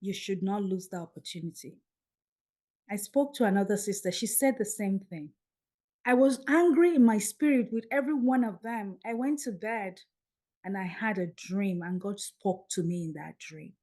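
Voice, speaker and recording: A Nigerian woman in her fifties, a podcast guest telling her story in a lively way and acting out the dialogue. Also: medium pitch, normal speed.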